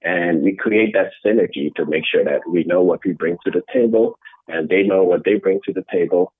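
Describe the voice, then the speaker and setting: A middle-aged man from the Netherlands answering interview questions in a measured way, often restarting his sentences. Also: low-pitched, husky, no room sound. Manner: measured, with frequent restarts and fillers. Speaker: interview guest, innovation executive. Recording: dry, tinny phone-like call audio.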